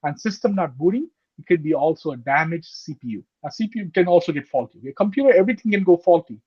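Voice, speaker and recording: With an animated, fast and slightly rough voice on the high side, this instructor leads a live computer course over a video call. He explains step by step and checks in constantly with "okay?" and "right?", and his laptop or headset mic yields muffled call audio.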